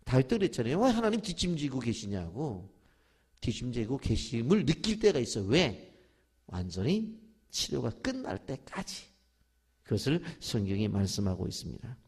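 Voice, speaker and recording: A man's voice: medium pitch, sing-song, normal speed, a little mellow, breathy edge. A middle-aged male pastor preaching a dawn prayer sermon, leading the congregation to repeat after him and acting out quoted voices. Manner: preaching with call-and-response to the congregation; acts out quoted voices of children and parents.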